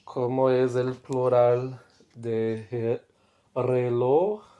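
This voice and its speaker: Very slow, deliberate male teacher. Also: medium pitch, level tone, warm tone, clean tone. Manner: slow and deliberate, repeats each word, checks with "¿cierto?". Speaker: Spanish teacher. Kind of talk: slow classroom explanation.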